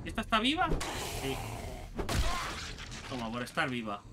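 A young man with a Spain Spanish accent giving excitable let's play commentary, talking to himself and the game and swearing casually. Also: mid-range voice, normal speed, over music. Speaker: gaming channel host.

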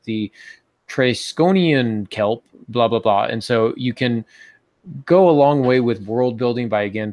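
A middle-aged host with a low, slightly mellow voice chats casually with writers on a podcast panel. Recorded without echo over a video call, he uses an earbud headset in a small indoor home office.

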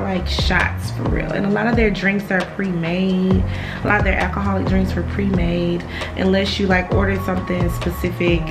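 A woman in her twenties from the United States chatting in a frank, slangy, unhurried way to her travel vlog. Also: medium pitch. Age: 20s. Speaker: travel vlogger. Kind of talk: casual vlog chat. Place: hotel bedroom or balcony.

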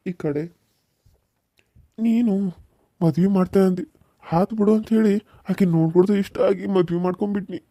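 A man's voice: sits high, dark tone, no room sound, clean studio sound. A man voicing a heartbroken young village husband in a cartoon serial, speaking North Karnataka Kannada in an anguished, emotional way. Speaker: voice actor.

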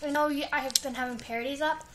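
This vlogger is a teenage girl with a high, fairly flat voice who talks rapid-fire over background noise. Recorded on her built-in webcam mic in the living room, she chats and giggles through a shopping haul, rambling with many "likes."

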